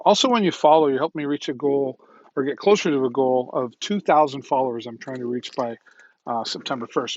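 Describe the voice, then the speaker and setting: A man's voice: medium pitch, darkish tone, dry recording, lo-fi sound. A man hosting a casual product demo livestream, rambling and chatty with lots of ums, his voice a bit worn. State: slightly losing his voice. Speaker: livestream shopping host.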